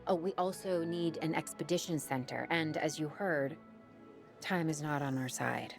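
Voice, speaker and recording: A woman's voice: low voice, moderate pace, vocal fry, music in the background. An actress voicing a determined, wry woman who runs a dinosaur operation, in video game dialogue. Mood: steady.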